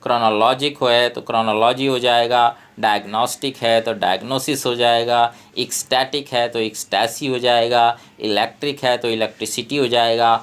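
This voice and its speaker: A man with an Indian English accent, a tutor who slowly reads out textbook exercises and explains them. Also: medium pitch, steady tone, a bit bright, smooth. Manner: slow, deliberate reading of English prompts, explains in Hindi.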